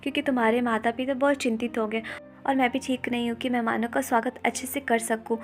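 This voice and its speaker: A woman voicing a frail, gentle young girl who reassures her friend in a story recap. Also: a little high, flat delivery, fast, faint music behind, close to an everyday voice. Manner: soft, reassuring, grateful.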